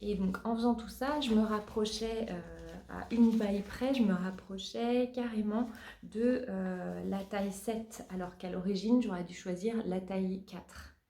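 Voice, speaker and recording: A woman chats slowly and casually as a knitting podcast host, pausing on fillers and restarting her sentences. Her voice sits at a middling pitch. The recording carries a noticeable roomy echo. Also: steady tone, warm tone. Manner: hesitant, many fillers and restarts, laughs often. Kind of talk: casual chat.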